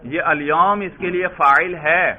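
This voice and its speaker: A man teaching Arabic grammar in a classroom lesson, quizzing his students and calling them brother. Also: a little high. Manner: quizzing, prompting students for answers; addresses listeners as brother. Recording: tinny phone-like lo-fi recording.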